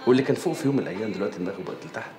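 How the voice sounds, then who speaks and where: An actor playing a confident, streetwise Egyptian gangster boss in a film drama, talking casually. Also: male voice, lowish voice, racing, close to an everyday voice. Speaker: crime boss. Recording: roomy film scene with music.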